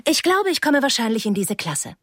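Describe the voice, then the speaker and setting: A breezy, self-assured teenage schoolgirl, as a woman reader plays her, speaking in an airy and carefree way, slightly brighter and louder than the narration around her. The recording is close and dry. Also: fairly high pitch, big pitch swings, moderate pace, husky, no room sound, voice pushed up, full character voice. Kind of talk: audiobook character voice.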